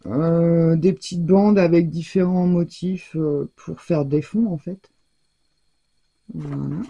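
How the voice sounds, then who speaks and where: A middle-aged woman presenting her craft shopping haul in a casual, chatty way, hesitating often and filling pauses as she goes. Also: on the low side, fairly even intonation, gravelly, warm tone, husky, highs cut off. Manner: chatty, hesitant, full of fillers and self-corrections.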